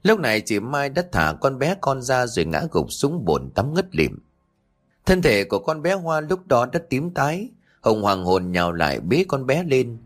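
A man narrating a horror audiobook in an expressive, dramatic way. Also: medium pitch, normal speed, faint music behind. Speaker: storyteller.

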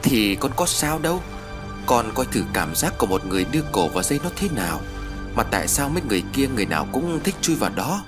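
A man's voice: medium pitch, sing-song, music in the background, natural voice. A man voicing a strange, flippant young woman who talks offhandedly and teases. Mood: offhand. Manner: offhand, teasing, quick.

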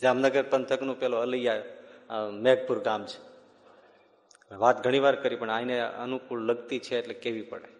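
A man giving a devotional discourse in an animated storytelling manner. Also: medium pitch, normal speed, big-room sound. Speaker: religious storyteller.

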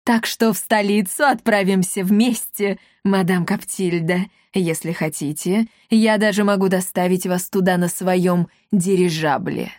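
A woman's voice: medium pitch, steady tone, unhurried, hardly any pauses, a little mellow, dry recording, natural voice. A smug, suspicious chief of gendarmes in an audiobook tale, speaking with condescending ease, as a woman narrator puts him on. His voice stays near the reader's own middle range. The sound is dry and close. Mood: smooth.

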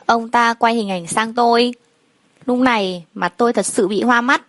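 A woman tells a first-person story in a plain, steady way. Her voice is fairly high and recorded close and dry, with no room echo. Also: moderate pace. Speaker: narrator.

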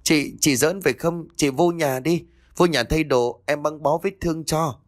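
A man's voice: on the high side, normal speed, dry recording, studio quality, pitched above the performer's own voice, lightly acted. A man voicing a frightened young girl from a wealthy house who pleads and weeps. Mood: pleading, tearful. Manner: pleading, tearful.

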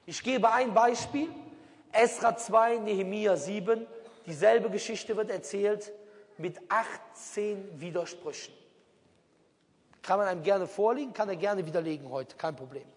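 An animated male preacher addressing a crowd from a stage, arguing point by point and throwing out rhetorical questions. His voice sits high for a man. A long hall reverb trails every phrase. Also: measured pace. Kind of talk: lively sermon-style talk on stage. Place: stage in a large venue.

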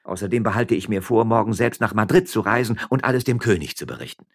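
A man's voice: on the low side, lively intonation, fast talker, slightly rough, pitched above the performer's own voice. A man voicing a proud, fiery young miller's wife who speaks firmly and indignantly. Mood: urgent.

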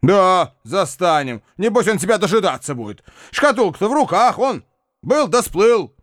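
A hot-tempered landowner who huffs and grumbles with biting sarcasm, as a man acts him out in a storybook reading. His voice jumps high and loud, swinging wide with indignation, and sits close and dry on the mic. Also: very animated, moderate pace, no echo. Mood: sarcastic, furious.

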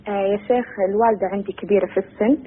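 A woman's voice: mid-range voice, steady tone, rapid-fire, a little hiss or hum. A woman from Arabia, calling in and explaining her question hesitantly. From Saudi Arabia. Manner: hesitant, explains at length with fillers. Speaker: caller. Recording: tinny phone line.

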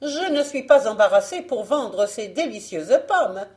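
A woman voicing a vain, murderous queen out of a storybook. She is shrill and loud, pitched high above a dark, mellow reading voice, and slow and sly in her wheedling. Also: animated. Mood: coaxing, false. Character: wicked vain queen, furious and scheming. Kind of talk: audiobook fairy tale reading.

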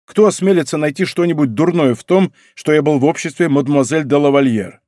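A man voicing a gallant young king, speaking in soft, tender tones in an audiobook reading. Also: a little high, brisk, no room sound, studio quality, close to an everyday voice. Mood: insistent. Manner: soft, tender murmurs turning firm.

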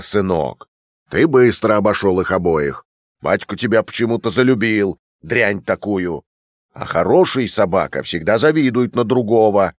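A man's voice: lowish voice, no room sound, studio quality. A man reading a Russian novel aloud, voicing an older male academician who is sly, suspicious and folksily fatherly. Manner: folksy, calls the listener son.

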